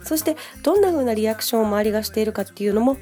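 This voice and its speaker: A woman's voice: fairly high pitch, expressive, very fast, mellow, soft background music. A woman hosting a casual language-learning podcast, talking in a chatty, upbeat way and laughing easily. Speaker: podcast host and English teacher.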